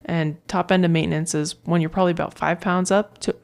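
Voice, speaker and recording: A woman's voice: on the low side, steady tone, fast, vocal fry, darkish tone. A woman hosting her own fitness podcast, talking casually and rambling with lots of fillers and restarts. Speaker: fitness coach podcast host. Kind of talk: casual solo podcast talk.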